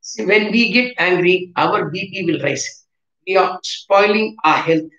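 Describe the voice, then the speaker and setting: A man, teaching vocabulary in a slow, repetitive way and switching into Hindi to explain. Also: high-pitched, fairly bright tone. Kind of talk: classroom lesson on vocabulary. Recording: echoey room, dull lo-fi sound.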